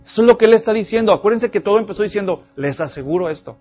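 A man preaching an expository sermon, addressing the congregation directly with animated energy. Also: sits high, rapid-fire, lo-fi sound, faint music behind. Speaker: pastor.

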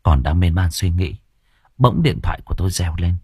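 Husky male audiobook narrator. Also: deep voice, expressive, a little fast, a little mellow, dry recording, clean studio sound. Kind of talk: first-person story narration.

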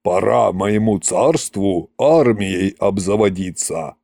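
A man's voice: sits low, slow pace, gravelly, darkish tone, voice pushed down, exaggerated voice. A man voicing a boastful, pompous immortal sorcerer king in an audiobook, grand and mocking. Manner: grand, self-satisfied, mocking. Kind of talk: audiobook character reading.

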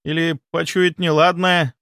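A man voicing an alert young woman who speaks with tense, hushed urgency. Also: fairly high pitch, level tone, unhurried, clear, resonant tone, no echo, clean studio sound, voice pushed up.

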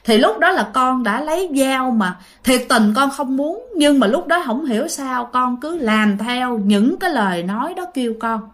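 A woman's voice: high voice, lively intonation, normal speed, few pauses. A woman voicing a frightened young girl in a spoken ghost story. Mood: pleading.

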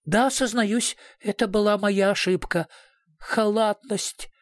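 A shrill, whimpering middle-aged man, a frightened concert hall director in an audiobook, begging in a thin, pitched-up voice, as a male narrator puts him on. The sound is close and dry. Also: steady tone, normal speed. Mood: desperate.

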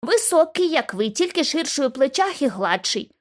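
A woman reading an audiobook, voicing a surly, greedy teenage boy watchman who talks shrill and out of breath. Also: sing-song, normal speed. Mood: describing. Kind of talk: audiobook character voice.

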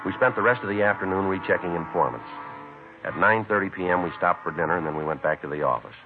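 A clipped, deadpan police detective. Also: male voice, deep voice, fast talker. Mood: narrating. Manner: clipped, flat, matter-of-fact. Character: male police detective, terse and methodical. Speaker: detective narrator. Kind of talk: 1950s radio police drama narration. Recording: tinny old radio broadcast with faint music.

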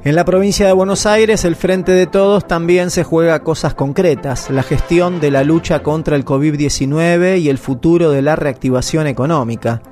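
Guy narrating a radio news piece, kinda high voice, soft music under it. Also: steady tone, normal speed, few pauses. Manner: reflective, rhetorical questions. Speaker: radio reporter.

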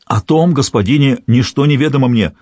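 A man's voice: medium pitch, brisk, mellow, dry recording, pitched above the performer's own voice, lightly acted. A man voicing a frightened peasant steward pleading for mercy in a historical audiobook. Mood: pleading scared. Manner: pleading, wailing.

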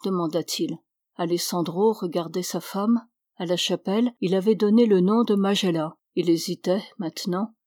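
A woman reading a novel aloud as audiobook narration, in a measured, even manner. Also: mid-range voice, no room sound, clean studio sound. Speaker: audiobook reader. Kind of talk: scripted narration.

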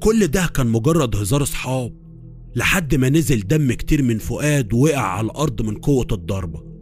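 A man's voice: mid-range voice, expressive, quick pace, a little mellow. Egyptian guy telling a scary story, mid-range voice, faint music behind. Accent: Egyptian Arabic. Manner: confiding first-person retelling. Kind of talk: horror story narration.

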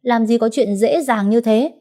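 A woman voicing a drunk, bullying man who shouts slurred abuse in speech, as an audiobook character. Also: on the high side, moderate pace, voice pushed up, close to an everyday voice. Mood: drunk, furious.

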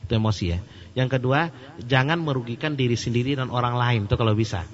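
A man giving a casual question-and-answer sermon, joking and animated. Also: medium pitch, fast talker, in a large hall. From Sumatra. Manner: joking and animated, laughs at his own jokes. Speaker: Islamic preacher. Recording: muffled lo-fi recording with faint hum.

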